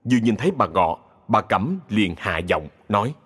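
A man narrating a ghost story in a measured, scripted storytelling manner. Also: fairly low pitch, very animated, a bit bright, slightly rough. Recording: long reverb.

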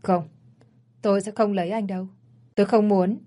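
In a read-aloud story, a woman voices a young woman who is frightened but stubborn, pleading yet defiant, in a scared, pleading mood. Her voice is medium in pitch and warm, close to an everyday voice. She speaks at normal speed with fairly even intonation.

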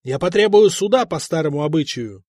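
A male narrator plays a proud young prince, stubborn and mocking toward his father. His voice runs a little high, heard dry and close to the mic. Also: expressive, a little fast, dark tone, no room sound. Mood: defiant.

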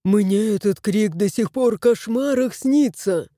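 A woman's voice: mid-range voice, a little slow, dark tone, no room sound, clean studio sound, natural voice. A woman voicing a grumpy, touchy male house cat in a storybook reading, sulky and grumbling.

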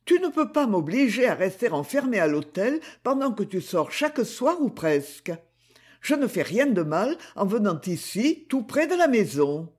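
A man's voice: high-pitched, sing-song, normal speed, husky, voice pushed up, heavily acted. A man reading the part of a timid young wife, tense and pleading, with firm replies. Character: timid young wife, standing her ground.

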